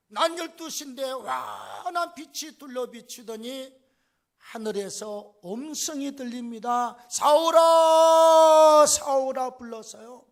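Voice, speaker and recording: A pastor delivering a sermon with fervent, emphatic preaching. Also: male voice, extremely high pitch, a bit bright.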